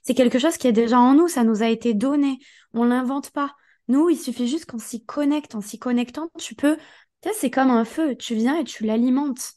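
A hoarse woman who has partly lost her voice, co-hosting a casual motivational podcast and coaching the listener with emphatic, direct talk. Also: high-pitched, moderate pace, dark tone. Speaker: podcast co-host.

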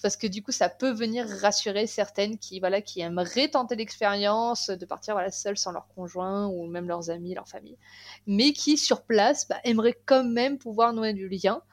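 A woman's voice: mid-range voice, moderate pace. Young woman podcast guest, chatty and enthusiastic, restarts often. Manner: enthusiastic, many fillers and restarts. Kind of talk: casual podcast chat.

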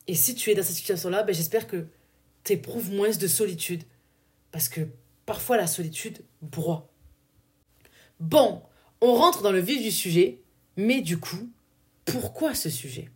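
A woman's voice: medium pitch, lively intonation, unhurried, pauses often. A young woman with a southern French accent hosting a casual solo podcast, talking in a chatty, filler-heavy way and laughing at herself. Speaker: podcast host.

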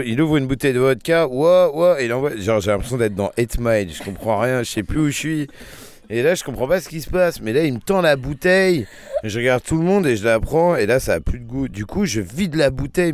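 A man's voice: medium pitch, no room sound. Slangy young man telling a rambling story. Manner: slangy, rambling anecdote with filler words. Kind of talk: casual storytelling.

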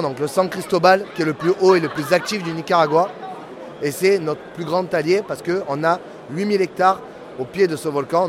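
A man with a Marseille accent, a brand ambassador giving a quick, assured product presentation at a tasting stand. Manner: fast, assured sales pitch. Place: indoor rum fair. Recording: loud crowd at a busy fair.

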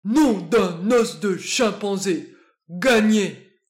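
Bouncy cartoonish pup in a kids' storybook, eager and playful, drawn-out words, as a woman reads him. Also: mid-range voice, a little mellow. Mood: excited. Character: excitable young male dog, a ball of energy. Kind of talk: storybook reading for children.

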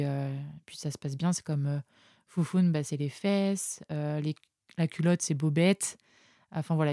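A woman's voice: low voice, dark tone, no echo. A French woman, a nurse guest in a podcast studio, telling anecdotes casually with many hesitant fillers. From France.

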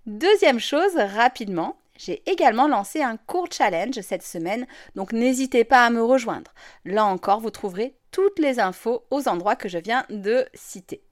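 A woman's voice: on the high side, expressive, moderate pace. A woman hosting a podcast, introducing an episode and voicing her own translated lines in a chatty, friendly way. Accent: French. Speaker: podcast host.

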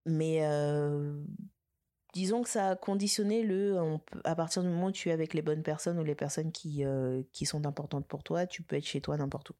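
A woman in her twenties from French Guiana, a podcast guest chatting casually, hesitant with many fillers and quick to laugh and tease. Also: sits low, fairly even intonation, dark tone. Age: 20s. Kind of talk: casual interview chat.

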